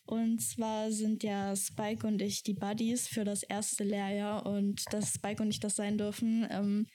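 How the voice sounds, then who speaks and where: A woman in her early twenties steers a relaxed podcast conversation. She sounds upbeat, pauses often on small fillers, and her pitch sits in the middle range. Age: 20s. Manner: upbeat, with frequent "ähm" fillers. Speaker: podcast co-host, apprentice. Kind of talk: casual chat.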